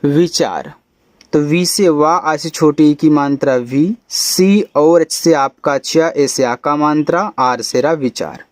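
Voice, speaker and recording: A man's voice: fairly high pitch, slow, dry recording. A man teaching spelling, explaining patiently letter by letter. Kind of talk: spelling lesson.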